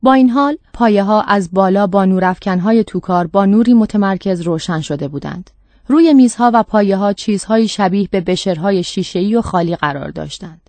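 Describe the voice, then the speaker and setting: A woman narrating a dark short story in a measured, steady reading. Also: mid-range voice, no echo. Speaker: audiobook narrator. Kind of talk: scripted narration.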